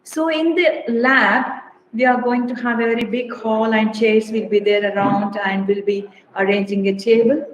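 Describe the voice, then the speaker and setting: A woman's voice: fairly high pitch, fairly even intonation, normal speed, few pauses. A woman with an Indian English accent, a college English instructor giving an induction talk to new students, explaining at length, repeating her points and asking rhetorical questions. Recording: roomy hall reverb, faint ambience.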